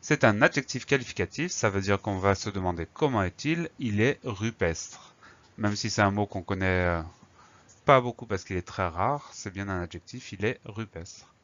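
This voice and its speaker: Male primary teacher, low voice, patient spelling drill, slightly muffled recording. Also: animated, normal speed, a bit bright. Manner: patient, spells words letter by letter. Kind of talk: spelling lesson for children.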